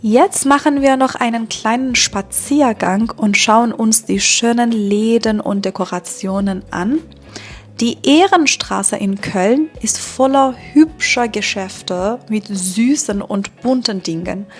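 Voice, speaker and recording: A woman from Iran, a German teacher, narrating a vlog for learners in a slow, deliberate way with some filler sounds. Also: a little high, faint music behind.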